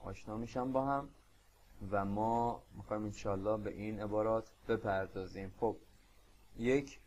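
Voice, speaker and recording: A man's voice: lowish voice, steady tone, darkish tone, a little hiss or hum. Man patiently teaching a lesson. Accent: Persian. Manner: explains patiently, repeating phrases slowly. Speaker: Spanish teacher. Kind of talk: explaining a language lesson.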